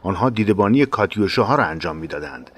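A man narrating a war memoir in a measured, dramatic reading. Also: lowish voice, expressive, a bit bright.

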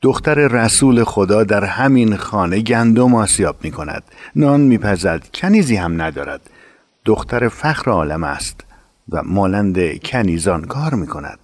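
A man playing a gentle, devout young husband. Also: fairly low pitch, expressive, dry recording. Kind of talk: audiobook drama acting.

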